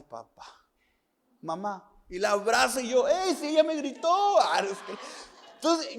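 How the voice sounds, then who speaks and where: A man's voice: very high-pitched, darkish tone. A male pastor giving a sermon in an earnest style, repeating phrases, asking the congregation direct questions, and weaving in stories about his family. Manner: mixes personal family stories into preaching.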